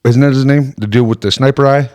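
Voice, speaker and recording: A man chatting casually on a podcast, quick and enthusiastic with slangy speech. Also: medium pitch, fairly even intonation, a little mellow. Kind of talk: casual chat.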